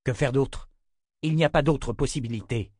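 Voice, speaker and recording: A man's voice: mid-range voice, normal speed, a little mellow, breathy edge, no echo, clean studio sound, voice pushed up, natural voice. A man reading an audiobook, voicing a young male hero who speaks in a grave, resolute way.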